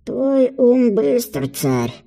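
Squeaky gravelly root-creature messenger, sly, slow and drawn out, storybook. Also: male voice, sing-song, mellow, heavily acted. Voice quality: squeaky, creaking. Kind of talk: audiobook character voice.

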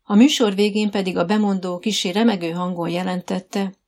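Lady reading a storybook, even and measured, a bit of fry in the voice. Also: mid-range voice. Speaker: audiobook narrator. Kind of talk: scripted narration.

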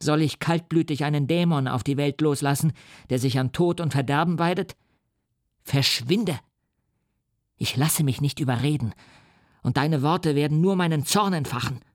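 A man's voice: on the high side, normal speed, no echo, clean studio sound, natural voice. A man playing a proud young male scientist who answers with vehement, indignant defiance. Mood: defiant.

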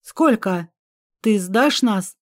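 Lady doing a skinny scared elf guy, hissy nervous whisper, kinda high. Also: lively intonation, very slow, no echo, clean studio sound, full character voice. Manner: hissing, anxious whisper.

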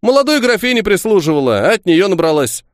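A man voicing a blunt bearded peasant, a former sergeant, who speaks in a rough village dialect. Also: high-pitched, sing-song, fairly quick, no room sound, studio quality, pitched above the performer's own voice. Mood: easygoing.

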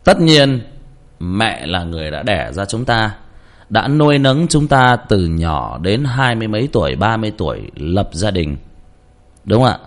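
A man's voice: lowish voice, big pitch swings, normal speed. A man giving blunt, coarse advice to listeners in a casual, rambling way, often repeating words.

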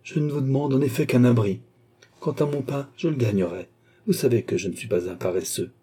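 A man's voice: mid-range voice, brisk, dark tone, husky, natural voice. A man reading as an earnest ragged young man. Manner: earnest, pleading yet determined. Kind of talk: audiobook reading.

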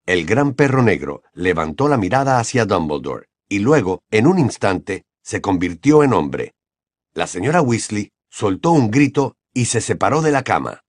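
A man narrating an audiobook with an expressive reading voice. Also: lowish voice, moderate pace, no room sound, clean studio sound. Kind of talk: scripted narration.

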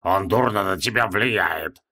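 A man reading an audiobook, voicing a weary, sardonic male demon prisoner in a low, subdued drawl. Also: a little slow, sharp tone, full character voice.

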